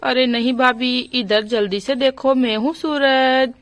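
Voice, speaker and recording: A woman voicing a village husband and father in a doll storybook, speaking in a lowered voice with a fussing, boastful manner. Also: fairly even intonation, measured pace, a bit bright, dry recording.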